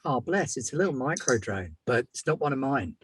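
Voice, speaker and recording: A man's voice: medium pitch, very animated, brisk, breathy edge. A man playing in a tabletop game, quippy and chiming in with jokes and questions. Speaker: player. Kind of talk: casual tabletop play.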